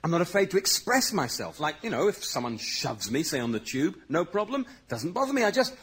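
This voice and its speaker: A man's voice: fairly high pitch, sing-song, fairly quick, fairly bright tone, slightly rough. A man hosting a comedy radio show, chatty, earnest and boastful in a scripted sketch.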